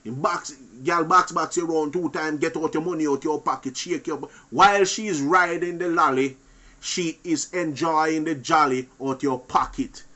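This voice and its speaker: A man holds forth like a street preacher, his voice bright and sitting a little high. He swings from loud, pressing outbursts down to low, muttered asides as he warns other men. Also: steady tone, normal speed. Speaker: channel host.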